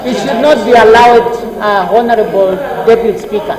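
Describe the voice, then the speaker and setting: A man, a member of parliament, raising a halting, pleading objection. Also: very high-pitched, a crowd in the background. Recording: distant mic in echoey chamber, members murmuring.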